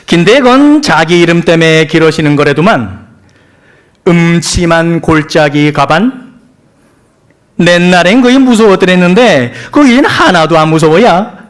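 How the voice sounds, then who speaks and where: A man voicing a homespun Pyongan man, reciting a psalm in a loud, drawn-out drawl. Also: sits high, animated, voice pushed up. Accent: Pyongan dialect.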